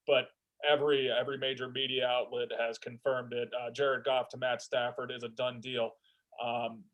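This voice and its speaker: A man's voice: medium pitch, poor audio. A young man co-hosting a football podcast from home, laid-back and slangy, a little tipsy. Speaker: podcast co-host. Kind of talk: casual sports podcast chat.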